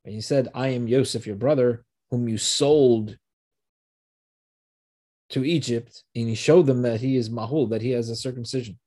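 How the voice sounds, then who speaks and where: A man with a medium-pitched, steady, dark voice teaches a Torah passage. He reads the verses slowly, then translates and explains them, often posing rhetorical questions.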